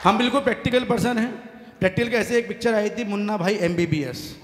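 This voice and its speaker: A man with a north Indian Hindi accent performing stand-up comic poetry on stage, punchy and building to loud punchlines. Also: high-pitched, quick pace. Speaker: comic poet. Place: large hall stage at a poets' gathering. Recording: echoey hall with long reverb.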